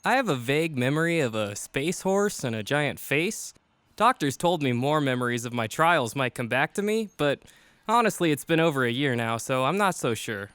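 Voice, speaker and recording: A man playing an easygoing officer with a smooth, clean voice recorded dry and close. He sounds relaxed and a bit evasive. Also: medium pitch, normal speed, no echo, close to an everyday voice. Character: laid-back officer back from the dead.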